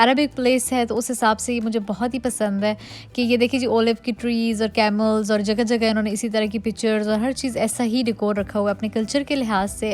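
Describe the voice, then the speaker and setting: A woman's voice: fairly high pitch, a little mellow. A young woman vlogging casually about a day out with her toddler. She talks chattily to her viewers and coaxes her child playfully. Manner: chatty, addresses viewers politely. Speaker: lifestyle vlogger. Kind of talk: casual vlog chat and voice-over. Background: background music.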